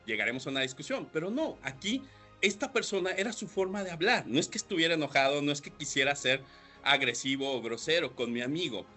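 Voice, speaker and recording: A man hosting a leadership podcast, explaining points with rhetorical questions and frequent throat clearing. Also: a little high, pushed and bright. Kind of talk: solo podcast talk.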